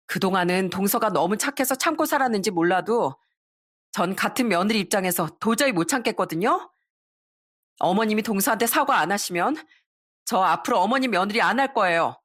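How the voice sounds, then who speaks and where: A woman's voice: medium pitch, no room sound, studio quality, close to an everyday voice. A woman voicing an outspoken elder sister-in-law who stands up to her mother-in-law. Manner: blunt, defiant.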